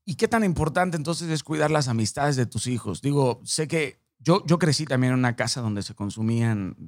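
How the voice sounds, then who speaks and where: A man with a Mexican accent hosts an interview. His pitch is moderate and the recording sounds dry and close. He asks relaxed questions and mixes in street slang. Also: normal speed, no room sound. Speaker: podcast host. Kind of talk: casual interview.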